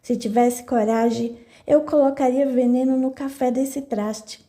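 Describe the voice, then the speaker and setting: A woman's voice: sits high, steady tone, a little slow, warm tone. A woman voicing a firm, caring wife of a farm owner in an audiobook.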